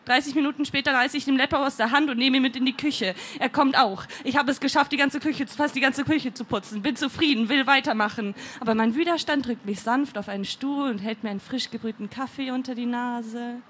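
A woman's voice: high-pitched, a little fast, hardly any pauses, slight background noise. A woman performing a dramatic slam poetry text on a live stage. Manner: dramatic, swings from weary to shouting. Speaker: slam poet.

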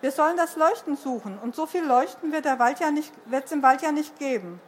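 Storybook boy, earnest and patient, bit high, read by a woman; low ambient noise. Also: lively intonation, a little fast. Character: worried boy adventurer. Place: bookshop reading event.

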